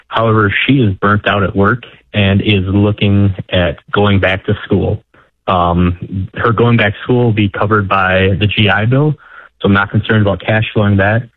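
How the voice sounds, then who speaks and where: A man phones in to a radio show, and his voice comes through as a tinny, dry phone line with no room around it. He sits slightly low in pitch and talks in an earnest, matter-of-fact way. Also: no echo. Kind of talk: call-in question to a radio show. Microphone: telephone.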